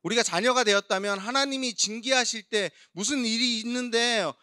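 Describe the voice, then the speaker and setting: A man's voice: very high voice, moderate pace, smooth, dry recording, studio quality. A man in his thirties preaching a youth sermon in church, telling stories and asking the congregation questions. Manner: warm storytelling with audience questions. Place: church hall.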